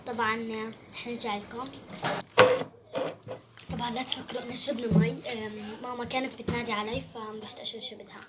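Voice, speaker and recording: A woman's voice: a little high, little pitch movement, fast talker, very noisy. A young woman with a Levantine Arabic accent hosting a casual challenge vlog, commenting as she goes. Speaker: vlog host. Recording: loud music over the voice.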